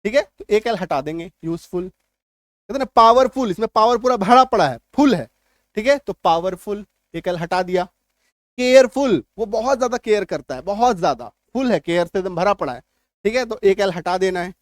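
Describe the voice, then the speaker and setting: A man's voice: sits high, animated, normal speed, no echo, studio quality. A man teaching English spelling rules, repeating points and checking if students follow. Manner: repetitive, reassuring, keeps checking understanding. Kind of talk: spoken lesson explaining spelling rules.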